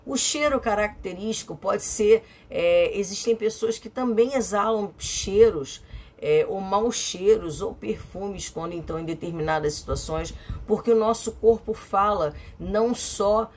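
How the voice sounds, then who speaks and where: A woman's voice: medium pitch, a little slow, a little mellow. A middle-aged woman from Brazil talking to her viewers in a chatty, emphatic vlog monologue, repeating phrases for effect. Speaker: vlogger.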